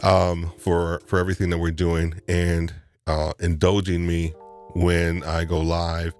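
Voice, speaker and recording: Deep-voiced New man, rambling host. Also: monotone, unhurried, a little mellow, soft background music. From New York. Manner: rambling, with frequent restarts and repeated words. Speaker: live stream host. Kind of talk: casual live stream chat.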